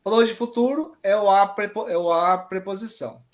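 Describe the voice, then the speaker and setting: Patient teacher explaining grammar. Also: male voice, high-pitched, fairly quick. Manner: patient, explanatory, keeps checking understanding. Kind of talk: online exam-prep grammar lesson.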